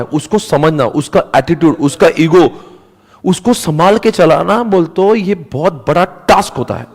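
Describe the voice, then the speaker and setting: A man's voice: on the high side, darkish tone, in a large hall. A man teaching a casual lecture in a chatty, conversational way, acting out little quotes as he goes. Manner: chatty, mixes Hindi and English, acts out quotes.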